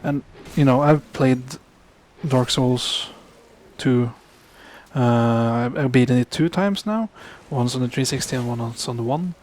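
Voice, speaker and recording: In casual English commentary on a game, a young Norwegian gaming commentator whose first language is Norwegian speaks at medium pitch, a little mellow. He's halting and self-correcting, frequently stopping to rephrase and muttering asides under his breath.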